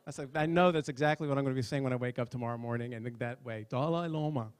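A man's voice: medium pitch, flat delivery, very fast, clear, resonant tone, a faint crowd. A man emceeing a comedy contest in a hall, introducing acts with dry, teasing asides. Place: conference hall on stage.

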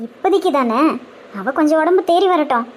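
A fierce old grandmother in a cartoon, as a woman voices her, scolding everyone in a high, sharp-tempered voice. She sounds indignant and commanding. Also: lively intonation, fairly quick.

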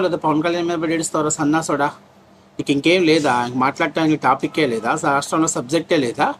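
A man's voice: a little high, a little hiss or hum. A man delivering a heated political rant as a commentator, mocking his target and firing off rhetorical questions. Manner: scornful, mocking, rapid-fire rhetorical questions.

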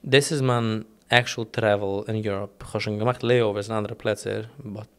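A man's voice: on the low side, steady tone, normal speed, clear, resonant tone. A young man chatting as an interview guest, rambling through his stories with many restarts and English phrases mixed in. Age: young adult. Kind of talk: casual interview chat.

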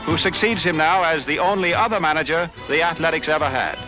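A man narrating an old newsreel in a brisk, formal announcer manner. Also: fairly high pitch, music in the background, rough recording.

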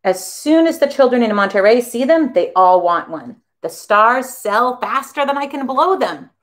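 A woman who teaches a children's music class, reading a storybook aloud in an expressive, animated way. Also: fairly high pitch, normal speed.

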